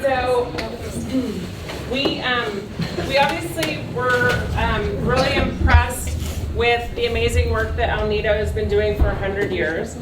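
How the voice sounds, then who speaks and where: A woman's voice: on the high side, steady tone, takes it slowly, heavy background noise. A woman hosting a community event, speaking informally to the people gathered. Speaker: community program host. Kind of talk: informal public presentation. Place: echoey indoor room. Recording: echoey room, distant mic, music.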